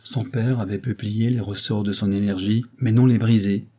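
Husky low male audiobook narrator. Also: steady tone, normal speed, mellow. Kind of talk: scripted novel narration.

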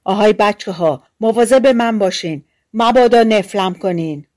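A woman voicing a big, gentle talking bear in a fairy tale audiobook, speaking calmly. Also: mid-range voice, close to an everyday voice. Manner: calm, soft-spoken.

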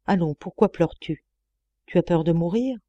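A woman voicing a frail, sick old man who grumbles and coaxes, gentle but impatient. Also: fairly low pitch, normal speed, no room sound, lo-fi sound, lightly acted. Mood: coaxing. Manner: grumbling, coaxing.

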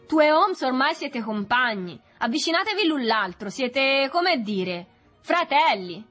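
A woman's voice: sits high, big pitch swings, unhurried, fairly bright tone, soft background music, pitched above the performer's own voice, heavily acted. A woman voicing a mocking teenage boy who taunts the others in an audiobook reading. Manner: taunting, teasing.

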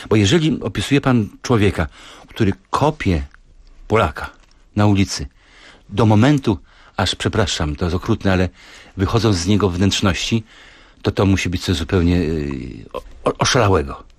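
A man hosting a radio interview, talking in a measured way and often hesitating as he looks for words. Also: sits low, animated, no echo. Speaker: radio host. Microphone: studio microphone.

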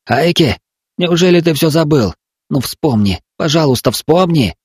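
Frantic captive boy in a storybook, pleading whisper, high, husky, man reading it. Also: lively intonation, measured pace, dry recording, clean studio sound. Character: terrified captive boy being fattened to be eaten.

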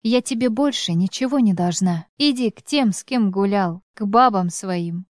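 A woman's voice: mid-range voice, normal speed, no room sound, clean studio sound, natural voice. A woman reading a bitter, snapping ex-wife. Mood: scornful, bitter. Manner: scornful, snapping. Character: bitter, sharp-tongued ex-wife around forty.

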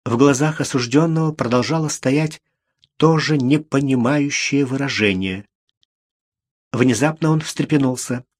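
A man reads a novel aloud in a measured, steady way. His voice sits in the middle range for a man. It is scripted storytelling narration. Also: medium pitch. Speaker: audiobook narrator.

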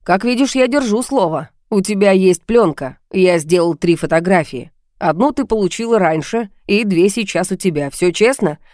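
A woman's voice: medium pitch, expressive, normal speed, a little mellow, dry recording, studio quality, close to an everyday voice. A woman reading an audiobook, voicing a mocking, menacing male blackmailer who talks down to his victim on the phone. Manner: sneering, condescending, calls her baby.

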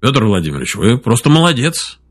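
A man reading as a quiet, shaken tank commander. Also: mid-range voice, sing-song, fairly quick, soft background music. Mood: earnest. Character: male tank commander, shaken but composed. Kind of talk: audiobook character reading.

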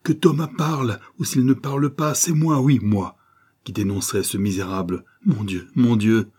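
A man's voice: a little high, lively intonation, normal speed, warm tone, breathy edge, pitched above the performer's own voice. A man voicing a fevered, trembling young woman. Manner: trembling, breaking into whispers.

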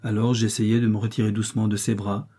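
A male audiobook reader narrating a classic novel in a measured, even way. His voice is very dark and mellow, with a husky texture. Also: on the low side. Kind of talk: scripted literary narration.

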